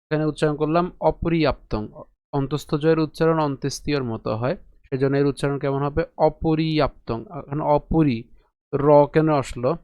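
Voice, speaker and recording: A man teaching correct Sanskrit pronunciation of a scripture verse, asking and answering his own questions, chanting slowly syllable by syllable. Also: on the high side, fairly even intonation, darkish tone, no echo. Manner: explains and asks rhetorical questions. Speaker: Gita recitation teacher. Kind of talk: online pronunciation lesson.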